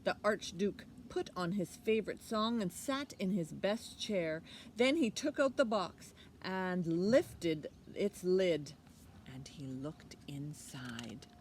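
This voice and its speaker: This middle-aged woman runs a storytime for young children outside by a leafy hedge, reading a picture book and teaching a lesson. Her fairly low voice moves at a slow pace, and her talk is simple and expressive, with questions for the kids. The outdoor recording has faint noise.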